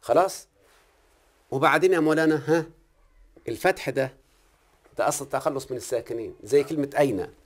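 Egyptian male teacher, brisk, keeps checking comprehension. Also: mid-range voice. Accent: Egyptian Arabic. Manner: questioning, repeatedly checks the student understands. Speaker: Quran recitation teacher. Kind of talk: one-on-one grammar and recitation lesson.

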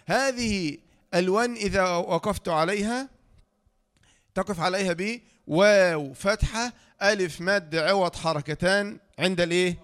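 A man with an Egyptian accent teaching a tajweed lesson, who asks the class questions, answers them himself, and slowly draws out the example sounds. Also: high voice, a bit bright. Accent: Egyptian Arabic. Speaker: Quran recitation teacher.

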